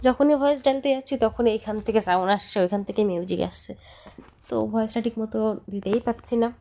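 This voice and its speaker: Fast-talking chatty woman vlogger. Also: on the high side, mellow, a little hiss or hum. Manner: fast, chatty, talks a lot. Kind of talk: chatty voice-over vlog. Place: home, voice recorded later as voice-over.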